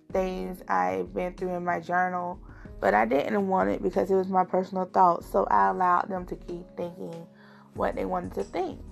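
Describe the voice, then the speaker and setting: A young woman speaks straight to her viewers in a candid personal vlog, earnest and confiding. Her voice carries a heavy, gravelly vocal fry. Soft music sits faintly underneath. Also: fairly low pitch. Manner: earnest, confiding, addresses viewers directly as y'all. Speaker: vlogger.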